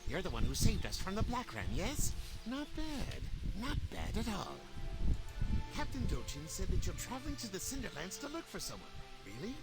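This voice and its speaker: A man voicing a self-assured warrior mentor in a game, measured and commanding. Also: sits high, wildly swooping pitch, exaggerated voice. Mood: approving. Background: game music.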